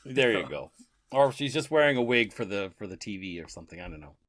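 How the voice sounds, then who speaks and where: A man's voice: on the low side, very animated, fast talker, fairly bright tone. Easygoing, laughing podcast co-host man. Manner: agreeable, backchannels often, laughs easily. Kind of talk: casual podcast discussion.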